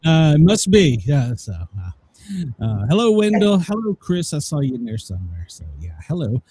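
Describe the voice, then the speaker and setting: A male radio host chats casually and irreverently, wandering from point to point. His voice is mellow and a bit rough, with very animated pitch. The sound is dry. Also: normal speed, no echo. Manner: rambling, irreverent. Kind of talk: casual comedic live-show chat.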